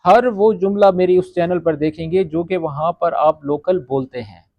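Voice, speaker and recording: A man with a fairly high voice teaches everyday Arabic phrases, saying each phrase slowly and checking in with his viewers. The recording is close and dry, with no room sound. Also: no echo, dull audio. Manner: repeats Arabic phrases slowly, often asks "ٹھیک ہے؟". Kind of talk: spoken-Arabic lesson, explaining phrases.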